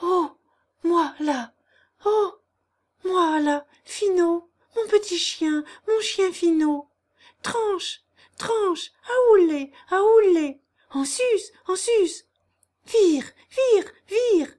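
A woman voicing a gentle, devout young peasant woman on her deathbed, with soft rustic country speech. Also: on the high side, lively intonation, measured pace, voice pushed up. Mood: delirious shouting.

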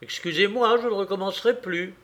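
Un homme jouant un policier autrichien guindé. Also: male voice, sits high, brisk, fairly bright tone, pitched above the performer's own voice. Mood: stiffly polite. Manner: stiffly polite, formal. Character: stiff, formal Austrian police officer.

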